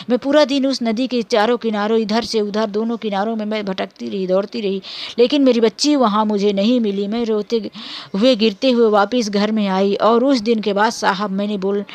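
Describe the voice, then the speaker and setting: A woman's voice: mid-range voice, natural voice. A woman voicing a grieving village mother who was wronged for years, in a plaintive, sorrowful read-aloud story.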